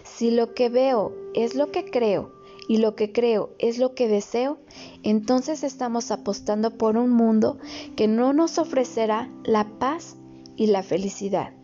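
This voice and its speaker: Woman narrating slowly over soft music. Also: fairly high pitch. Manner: slow, measured reading with small slips and restarts. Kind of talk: read-aloud reflective narration. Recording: dull lo-fi recording with faint music.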